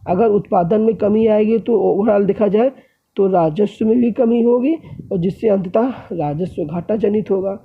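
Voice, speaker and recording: A man teaches an economics lesson in a high, gravelly voice with a husky edge. He works through his examples step by step and keeps addressing his listeners as friends. The sound is thin and tinny, like a phone line. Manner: explains step by step, often addressing viewers as friends. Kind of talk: classroom lecture.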